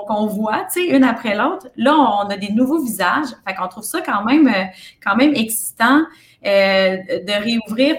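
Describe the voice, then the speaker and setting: A woman's voice: mid-range voice, fairly bright tone, roomy sound. A young woman with a Quebec French accent, chatting casually in an interview as a kinesiologist, with many fillers and restarts. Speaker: kinesiologist and business owner.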